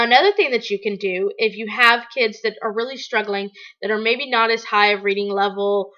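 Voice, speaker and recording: Bright-voiced woman giving casual parenting tips. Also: medium pitch, dull audio. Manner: conversational, explanatory, illustrating with examples. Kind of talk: casual advice vlog, talking to viewers.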